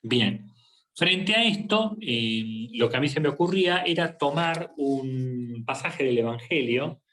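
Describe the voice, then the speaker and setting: A man, a psychologist giving a reflective faith talk, speaking slowly with many pauses and fillers. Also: mid-range voice, animated, fairly bright tone, a little hiss or hum. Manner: slow and halting, many fillers and tag questions. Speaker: psychologist leading a faith workshop. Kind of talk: reflective talk with a scripture reading.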